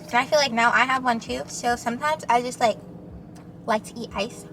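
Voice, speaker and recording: Young woman, high-pitched, casual filler-heavy chat, eating on camera, faint noise behind. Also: brisk. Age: young adult. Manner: casual, chatty, lots of fillers. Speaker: vlogger.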